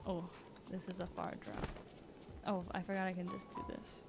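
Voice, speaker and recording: A woman's voice: lowish voice, little pitch movement, moderate pace, creaky. A woman from Canada chatting casually while streaming a video game, rambling and laughing often. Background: video game music.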